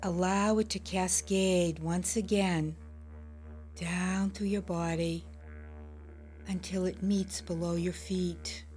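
A woman leading a guided meditation in a gentle, soothing, unhurried way. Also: fairly low pitch, steady tone, faint music behind.

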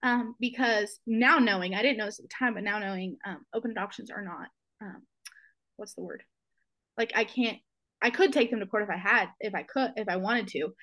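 Young woman guest on a podcast, emotional and halting, lots of um and like, near tears, mid pitch. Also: fairly bright tone. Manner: emotional, halting, many fillers and restarts. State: close to tears. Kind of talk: personal storytelling.

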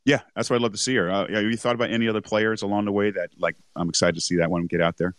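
A man co-hosting a rugby podcast, rambling and correcting himself, a little hoarse as he is losing his voice. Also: fairly low pitch, steady tone, racing, dry recording. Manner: rambling, self-correcting, chuckles often. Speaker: podcast co-host. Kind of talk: casual rugby chat.

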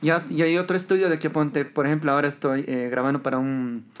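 A man's voice: a little high, level tone, quick pace, clear, resonant tone. A young adult Bolivian man with a Bolivian Spanish accent, a pianist chatting in an interview with frequent tag questions. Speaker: guest musician, pianist. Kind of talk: casual interview talk.

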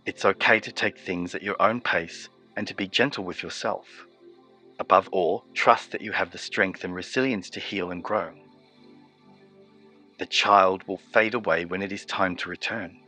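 Low-voiced, calm male meditation guide. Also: husky, faint music behind. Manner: slow, soothing, evenly paced instructions.

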